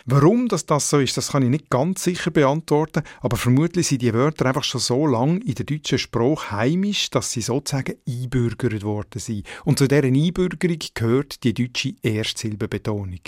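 A man's voice: mid-range voice, lively intonation, normal speed, hardly any pauses, darkish tone, dry recording. A man with a Swiss German accent, a radio dialect editor, patiently and methodically explaining word stress to listeners in a studio.

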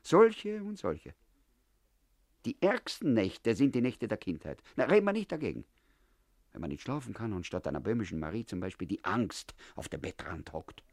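A man's voice: on the low side, sing-song, moderate pace, a little mellow, dry recording, clean studio sound. A man reading a first-person story aloud in a confiding tone, as if talking to an old comrade. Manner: confiding, addressing the listener as comrade. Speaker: audiobook narrator. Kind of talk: first-person literary narration.

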